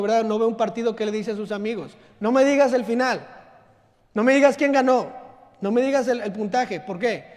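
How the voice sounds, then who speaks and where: A man preaching a sermon as pastor, earnest, often dropping soft and low to stress a point. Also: big-room sound. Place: church sanctuary.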